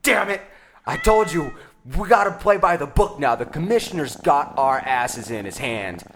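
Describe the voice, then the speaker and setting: A man playing a gruff cop near retirement who swears and gets exasperated. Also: fairly high pitch, expressive, normal speed, a bit bright, soft background music.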